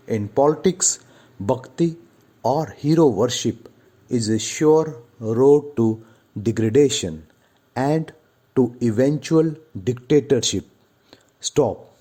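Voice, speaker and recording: A man gives a slow school dictation at an extremely unhurried pace. His voice is on the dark, mellow side at a middling pitch, and he parcels out the text in short, deliberate phrases with pauses between them. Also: husky. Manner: measured, deliberate, pausing after every few words.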